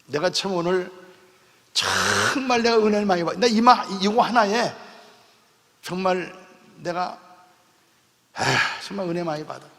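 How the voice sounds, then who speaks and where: A man's voice: high voice, animated, unhurried, gravelly, pauses often, bright, forceful tone. A man preaching an emotional revival sermon, telling stories, acting out dialogue, and often checking in with a questioning "eh?". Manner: acts out dialogue voices while telling stories. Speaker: pastor. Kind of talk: revival sermon with dramatic storytelling. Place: large church sanctuary at a revival meeting. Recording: long reverb of a large church hall.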